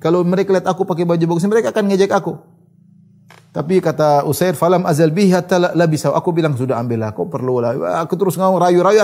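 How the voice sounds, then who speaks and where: A man giving a religious lecture, reciting Arabic narrations and retelling them in a lively storytelling way. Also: sits high. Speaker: Islamic preacher.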